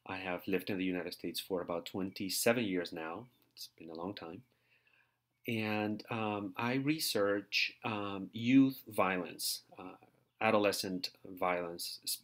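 A Peruvian teaching assistant gives a recorded university lecture over slides in a deep, slightly bright voice. He is hesitant, with many fillers and repeated words.

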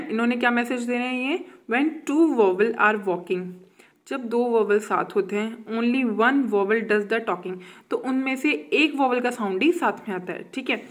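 An Indian woman teaching a grammar lesson, reading English lines slowly and explaining them while asking her students questions. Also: fairly high pitch. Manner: slow when reading English text aloud; repeats "ठीक है" and asks quiz questions.

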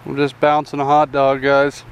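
Out at a rural pond with a head-mounted action camera, this young man hosts his casual fishing channel vlog, excited and chatty, addressing viewers as "guys" and "dude". He speaks at a moderate pace in a clear, resonant, medium-pitched voice.

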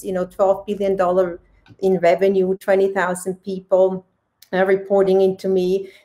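A woman in her forties from Switzerland speaking on a video call from home, telling stories in a lively way with many fillers and restarts. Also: medium pitch. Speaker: panelist. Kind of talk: panel talk on a video call. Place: home room indoors. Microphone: webcam at desk distance.

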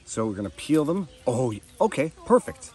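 A man's voice: mid-range voice, very animated, moderate pace, a little mellow, husky. A man in his thirties casually vlogging a family camping trip outdoors, talking wryly into a handheld camera at arm's length. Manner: playful, wry, chatty with his kids. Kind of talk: casual family travel vlog. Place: outdoors at a campsite and roadside.

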